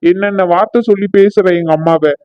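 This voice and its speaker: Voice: mid-range voice, fairly even intonation, brisk, no echo, lo-fi sound, close to an everyday voice. A performer playing a defiant, exasperated married son in a cartoon family comedy. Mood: lecturing.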